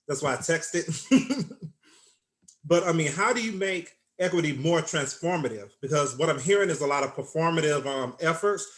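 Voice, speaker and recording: Brief: man with a fairly high voice, casual and cheeky, mouth full, video call. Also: expressive, normal speed, a bit bright. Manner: casual and direct, a bit cheeky. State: talking with food in his mouth. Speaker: audience questioner.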